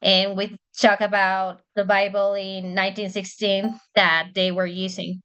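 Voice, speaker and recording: A woman's voice: medium pitch, little pitch movement, measured pace, a bit bright, smooth. A woman whose first language is Spanish, explaining church interpreting in casual talk, hesitant with many fillers and restarts.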